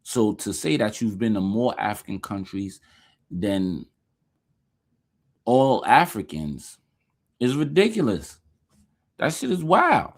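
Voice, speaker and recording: A man's voice: on the low side, sing-song, slow pace, long pauses. A man hosting a casual reaction commentary, talking in a loose, conversational and dismissive way. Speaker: host.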